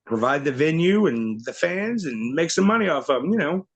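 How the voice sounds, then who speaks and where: Man, wrestling promoter, brash hype talk, slightly high voice. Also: very animated, normal speed, slightly rough, dull audio. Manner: brash, hypes his event, announcer voice for the show details. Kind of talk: casual interview talk.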